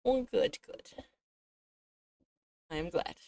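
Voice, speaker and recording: Sleepy lady streamer yawning thru casual chat w chat, lowish voice, lots of laughs. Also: slow, creaky, no echo, studio quality. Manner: relaxed, chatty, laughs often. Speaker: VTuber streamer.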